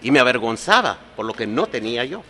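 A man's voice: mid-range voice, big pitch swings, quick pace, bright, forceful tone, slight background noise. A man born in the United States giving an earnest, confessional personal testimony at a support meeting, often adding "¿verdad?". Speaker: recovery meeting speaker.

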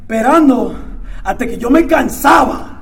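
A middle-aged Dominican man telling his recovery story in casual, repetitive talk, dropping English fillers into his Spanish and swinging between quiet murmurs and loud outbursts. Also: extremely high pitch, animated, a little slow. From Dominican Republic. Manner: mixes English fillers into Spanish, stammers and repeats words. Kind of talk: casual testimony.

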